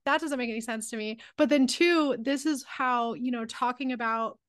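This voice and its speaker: A woman's voice: fairly high pitch, moderate pace, clear, resonant tone, dry recording, studio quality. A woman hosting a podcast, asking rambling, enthusiastic questions and going off on tangents in casual conversation. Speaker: podcast host.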